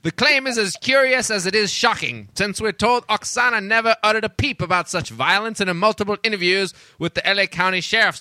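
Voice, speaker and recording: A man's voice: sits high, sharp tone, dry recording, voice pushed up. A man putting on an old-timey 1920s newscaster voice to read a news item aloud. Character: male 1920s newsreel announcer, brisk and grand.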